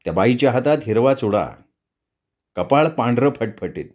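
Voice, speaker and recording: A man narrating a spooky story in a dramatic, deliberate storytelling manner. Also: medium pitch, expressive, darkish tone.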